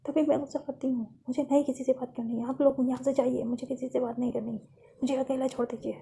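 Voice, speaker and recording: A woman's voice: high-pitched, little pitch movement, quick pace, gravelly, mellow, husky, heavily acted. A woman voicing a hurt, angry young woman who lashes out and questions herself, in a read-aloud love story. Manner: bitter, outburst-prone, self-questioning. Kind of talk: storybook reading.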